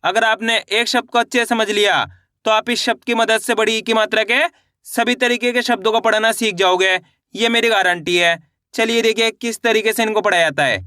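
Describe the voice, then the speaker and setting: A man's voice: sits high, fairly even intonation, moderate pace, sharp tone, clear, resonant tone, no room sound, studio quality. A young man teaching an online Hindi reading lesson, asking questions and answering them himself, stretching out the vowels.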